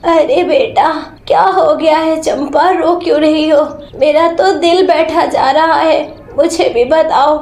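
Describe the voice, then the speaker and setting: A woman voicing an old sparrow grandmother who speaks slowly and mournfully, in a storybook tale. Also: sits high, steady tone, darkish tone. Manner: slow, mournful. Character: elderly grieving sparrow grandmother. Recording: roomy echo.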